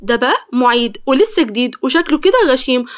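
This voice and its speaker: A woman's voice: high voice, lively intonation, quick pace. A woman voicing a caring, sensible young female student who fusses over her friend, in an Egyptian Arabic accent. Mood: fussing. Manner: fussing, scolding kindly. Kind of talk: storytelling.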